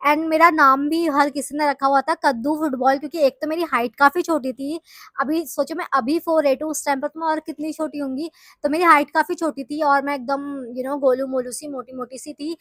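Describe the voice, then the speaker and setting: A woman's voice: high-pitched, a bit bright, dry recording, clean studio sound. A young woman from the hills of northern India telling her story to viewers in a chatty, confessional way. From Uttarakhand hills, India. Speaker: vlogger. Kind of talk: casual storytelling to camera.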